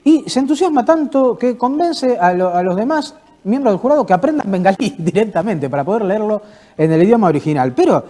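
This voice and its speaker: A man's voice: sits high, lively intonation, a little fast, dark tone. A man hosting an informal cultural talk, playful like a mock announcer and full of hesitant fillers. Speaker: host. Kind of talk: informal cultural talk answering viewer questions.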